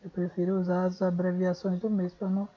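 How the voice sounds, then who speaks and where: A woman's voice: lowish voice, level tone, fairly quick. A woman with a Brazilian Portuguese accent teaching an online English lesson, thinking aloud and correcting herself as she goes. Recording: dull lo-fi recording.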